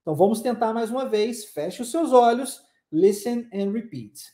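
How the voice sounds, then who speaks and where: Brazilian accent, woman, English lesson, mellow voice, echoey room. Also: a little high, animated. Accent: Brazilian Portuguese. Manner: repeats phrases slowly for students to echo. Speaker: English teacher. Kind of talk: online language lesson.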